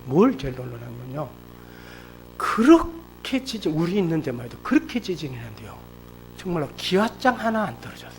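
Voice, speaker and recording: A middle-aged man preaching a sermon at a church service, telling a personal story with lively, acted-out storytelling. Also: fairly high pitch, fairly quick, a little hiss or hum. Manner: animated storytelling, acts out quoted speech. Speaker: pastor. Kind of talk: sermon testimony.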